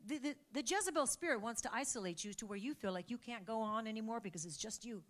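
A woman preacher in full sermon mode, her voice sitting a little high. She leans on repetition and hammers her points home with emphatic cadence. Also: lively intonation, quick pace.

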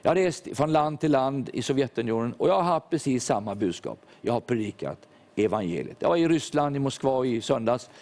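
A man's voice: mid-range voice, lively intonation, darkish tone. Older man preaching a sermon. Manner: storytelling, acts out quoted voices. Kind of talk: sermon testimony.

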